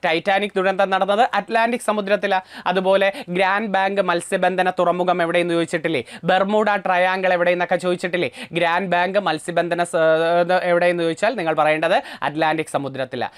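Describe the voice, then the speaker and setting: A man's voice: sits high, steady tone, fast, a bit bright, clear, resonant tone, no room sound, studio quality. A man with a Malayali accent teaching an exam prep lesson, asking questions and repeating the answers to drill them in.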